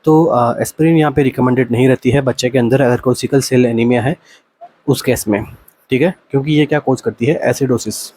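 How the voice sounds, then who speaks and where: A male nursing exam coach explaining multiple-choice answers, asking rhetorical questions, answering them himself, and reading the English options out slowly. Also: medium pitch, fairly even intonation, darkish tone, slightly rough.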